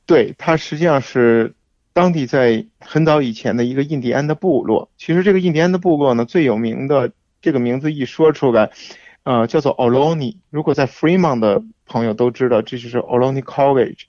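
A man as the guest on a radio talk show, explaining things in a measured way with frequent fillers. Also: mid-range voice, a little mellow, dry recording, highs cut off. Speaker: guest hiking expert. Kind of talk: casual radio interview.

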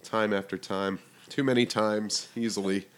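A man's voice: lowish voice, fairly even intonation, moderate pace, clear, resonant tone. A man co-hosting a casual podcast chat, joking and laughing a lot. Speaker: podcast co-host.

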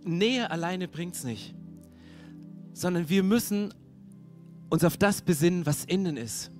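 A man's voice: sits high, measured pace, darkish tone, faint music behind. A male preacher delivering an emphatic sermon in a casual, slangy way, speaking straight to the listener.

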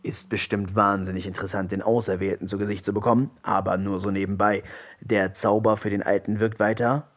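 A scheming pirate captain from a storybook talks in a hushed, lowish voice, calm and offhand, played by a man. He sounds unbothered and a little coaxing. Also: fairly quick, lightly acted. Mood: soft, coaxing. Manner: soft, low-key and offhand.

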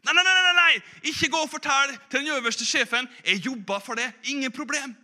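A guilty young cook who pleads and frets, as a preacher voices him in a parable. His voice is high and bright, with a sharp edge. He sounds anxious and eager to make things right. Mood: pleading.

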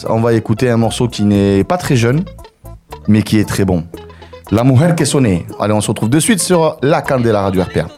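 A man's voice: fairly low pitch, brisk. Chatty male radio host, faint music. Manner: lively, hesitant with many fillers. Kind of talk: casual radio chat.

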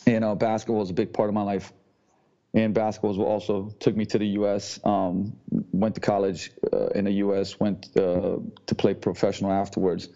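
A man from Slovenia, a gym owner speaking as a podcast guest in a halting way, often repeating words before going on. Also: lowish voice, flat delivery, warm tone. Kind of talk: casual interview talk. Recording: dull lo-fi audio.

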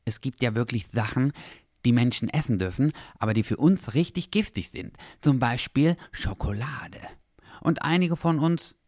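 A man voicing a prim, sharp male dachshund in a storybook reading, with a raised, eager, lecturing manner. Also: medium pitch, animated, normal speed, no echo, studio quality, pitched above the performer's own voice, close to an everyday voice. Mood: explaining.

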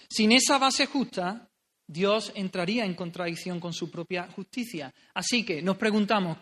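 A man's voice: sits high, sharp tone. A man preaching an earnest, pleading sermon, repeating phrases for emphasis.

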